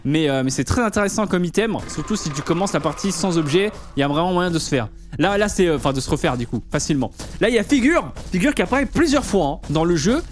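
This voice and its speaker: A man's voice: high voice, lively intonation, fast talker, hardly any pauses, a little hiss or hum. A man giving casual commentary on a game, explaining things to the viewer in informal, slangy language. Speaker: gaming video host.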